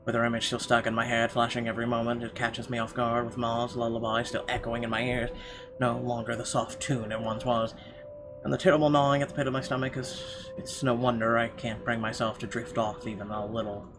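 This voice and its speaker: Over game music, a male let's-play gamer dramatically reads narration from a horror visual novel with occasional slip-ups. He speaks briskly in a mid-range voice with little pitch movement.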